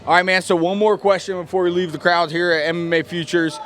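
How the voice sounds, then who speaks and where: A man's voice: high-pitched, little pitch movement, quick pace, a bit bright, slight background noise. A man doing a casual sports interview in an informal, chummy way. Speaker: interviewer, former fighter.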